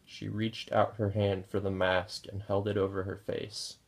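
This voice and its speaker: Low, gravelly male novel reader. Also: flat delivery, unhurried. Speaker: audiobook reader. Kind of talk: novel read aloud.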